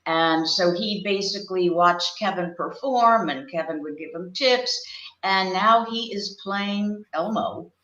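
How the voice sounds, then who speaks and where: A woman's voice: mid-range voice, a little slow, fairly bright tone. An older woman from Pennsylvania, a guest actress and puppeteer, telling stories from her career in a rambling, reminiscing way. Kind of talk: casual interview chat. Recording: echoey, muffled lo-fi audio.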